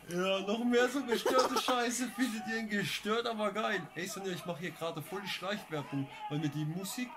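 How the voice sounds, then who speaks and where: A man's voice: high-pitched, normal speed. A man chatting casually in a very noisy informal recording. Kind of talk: casual chat.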